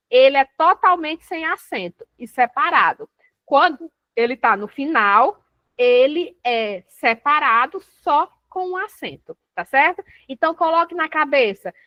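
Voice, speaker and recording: High-voiced chatty teacher woman. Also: no echo, highs cut off. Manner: chatty, repeats "tá certo?" and "né?" often. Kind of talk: grammar revision lesson.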